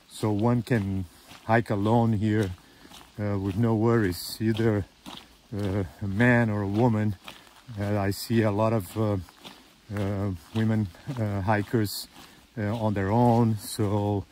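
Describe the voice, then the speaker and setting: A man in his fifties vlogging as he hikes a forest trail, talking slowly with many "uh" fillers, filmed on a phone held at arm's length. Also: fairly low pitch, a little mellow, a little hiss or hum. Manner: slow and halting, many "uh" fillers. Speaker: hiking vlogger. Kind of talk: casual walking vlog. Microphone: phone camera held at arm's length.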